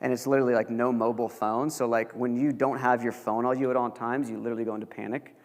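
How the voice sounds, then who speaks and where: A man's voice: mid-range voice, level tone, fast, a little mellow. Chatty man lecturing in a reverberant hall. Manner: chatty, filler-heavy, joking. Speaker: guest lecturer. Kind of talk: casual lecture to students. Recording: long reverb of a large hall.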